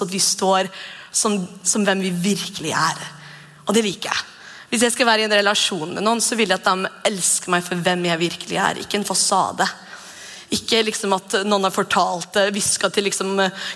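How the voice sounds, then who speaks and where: A woman in her thirties giving a casual, expressive devotional talk as a podcast host. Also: medium pitch, in a large hall. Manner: chatty and expressive, acts out quoted voices.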